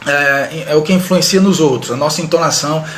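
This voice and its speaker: A man's voice: fairly high pitch, a little fast, a bit bright. Chatty man teaching leadership live. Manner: conversational, addresses viewers directly, frequent "né?" tags. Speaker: leadership trainer. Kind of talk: live online training talk. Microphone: video call style webcam mic.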